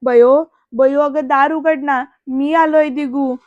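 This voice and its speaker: Woman putting on a weepy pleading uncle, high-pitched, flat delivery, dull sound, loud and drawn out. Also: takes it slowly, no room sound. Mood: pleading, tearful. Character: tearful doting male uncle, pleading.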